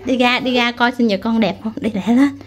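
A woman's voice: on the high side, a little fast. A woman, a mother chatting casually while filming her family, teasing and coaxing her child. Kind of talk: casual family vlog chat.

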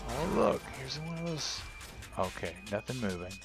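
A man commentates casually on his gameplay, swearing freely. His voice is creaky and strained, cracking as he talks. Game music plays clearly behind him. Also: medium pitch, big pitch swings, moderate pace. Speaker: gameplay streamer.

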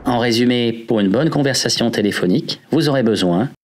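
A man's voice: medium pitch, a little fast. A man giving scripted instructional narration for a training video. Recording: faint background music.

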